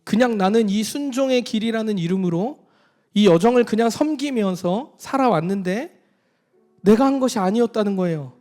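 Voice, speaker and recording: Male pastor, middle-aged, high and animated delivery, sermon with faint music bed. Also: moderate pace. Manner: swings between hushed near-whispers and raised emphatic preaching; acts out quoted voices in his own voice.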